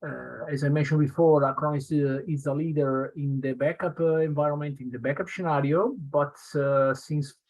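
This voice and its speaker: Italian man speaking halting, broken English. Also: fairly high pitch, fairly even intonation, darkish tone. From Italy. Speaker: solution engineer presenting a webinar. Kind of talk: semi-scripted slide presentation.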